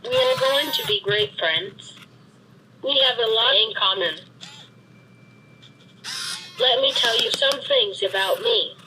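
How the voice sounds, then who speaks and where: A synthetic female voice playing a friendly, cheerful boy robot that talks to children in slow, simple, deliberate sentences. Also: on the high side, noisy background. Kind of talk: programmed robot speech for children. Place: meeting room, played from a robot.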